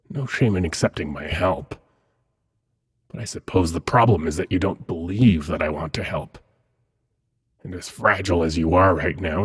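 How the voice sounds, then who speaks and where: In a dramatic ASMR roleplay monologue, a man voices a suave demon prince with a very deep, heavily husky and breathy tone. The prince sounds haughty and courtly, picking each word with measured condescension, and the whole thing plays like seductive fantasy audio roleplay.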